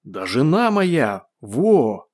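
A man voicing an excited young male sniper meeting an old schoolmate, eager and cheerful in an audiobook. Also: medium pitch, extremely slow, full character voice. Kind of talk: audiobook character voice.

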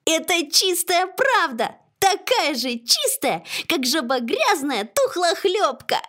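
A storybook reader voicing a group of excited little ogre kids with shrill, squealing exclamations. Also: takes it slowly, exaggerated voice. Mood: gleeful. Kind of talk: storybook reading.

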